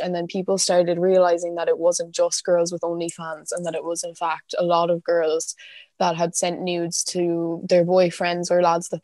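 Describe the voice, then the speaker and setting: A woman's voice: lowish voice, a little mellow, dry recording. Young west of Ireland woman, dry close sound. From County Clare, west of Ireland. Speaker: podcast guest. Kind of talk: conversational interview.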